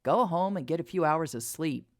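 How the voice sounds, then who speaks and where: A woman voicing a tired, gruff frontier sheriff who talks bluntly in a storybook reading. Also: sits low, expressive, normal speed. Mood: weary.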